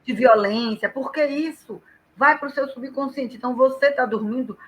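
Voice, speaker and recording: A woman with a Brazilian Portuguese accent, an educator talking on a live stream and explaining things in an animated way. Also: sits high, moderate pace, low-quality recording. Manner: animated, acts out quoted speech vividly.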